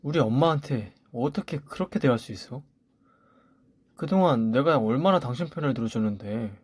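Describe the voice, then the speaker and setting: A defensive young husband cuts his wife off with curt, reproachful lines, as a man reads the part. The voice is an ordinary middle pitch, dry and close. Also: animated, normal speed, husky, no echo. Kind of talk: story radio voice acting.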